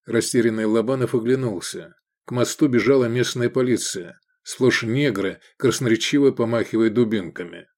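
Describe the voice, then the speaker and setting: A man narrating an audiobook in a measured, expressive reading style. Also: medium pitch. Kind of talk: scripted narration.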